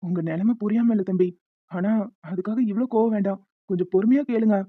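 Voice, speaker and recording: A gentle, patient older male relative in a cartoon, as a voice actor puts him on. He speaks low and soothing, trying to calm a quarrel. The sound is dry and a little dull. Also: a little fast, no echo, close to an everyday voice. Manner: soft, soothing, reassuring. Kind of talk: Tamil cartoon voice acting.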